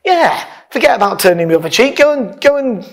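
Standing at a lectern on the church hall stage, a male pastor gives a conversational, informal sermon, partly reading aloud with emphatic stresses. His pitch is extremely high, his delivery sing-song and fairly quick.

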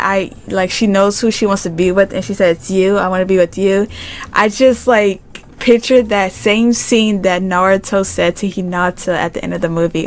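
A woman playing a romance story game on her channel, reading the heroine's lines and chatting in a giggly, gushing way. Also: mid-range voice. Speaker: gaming YouTuber. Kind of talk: casual game commentary and reading aloud.

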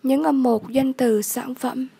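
A woman English tutor, slowly repeating vocabulary words and giving the word class, the stressed syllable and the meaning of each. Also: high voice, steady tone, vocal fry, dark tone, slightly rough. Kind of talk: vocabulary lesson.

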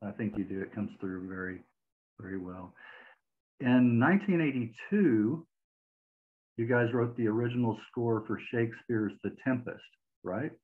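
A man with a mid-range voice interviews a guest over a tinny call line, speaking at normal speed with long pauses. His questions come across friendly and hesitant, with repeated words. He's in a home room with record shelves, picked up by a webcam mic with phone-like sound.

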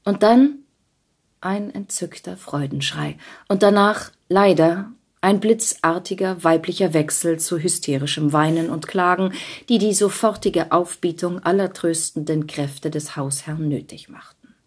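An actress narrating a story aloud in an intimate, expressive style, letting the ends of sentences fall soft. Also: female voice, fairly low pitch, unhurried, husky. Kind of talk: audiobook narration.

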